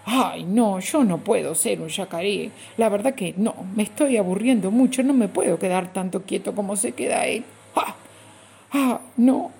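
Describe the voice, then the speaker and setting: Woman voicing a stuttering little storybook bug, lost and fretful, husky edge. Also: mid-range voice, moderate pace, a little mellow. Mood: bewildered. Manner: stuttering, plaintive questioning. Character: small lost bug creature, anxious and bewildered.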